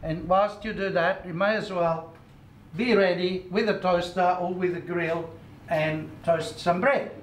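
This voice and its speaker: Middle-aged man, higher pitch, cooking lesson, echoey kitchen, faint sizzle. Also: steady tone, measured pace, a little hiss or hum. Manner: chatty, instructive, talks while cooking. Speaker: cooking show host. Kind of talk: cooking demonstration. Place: commercial kitchen, indoors.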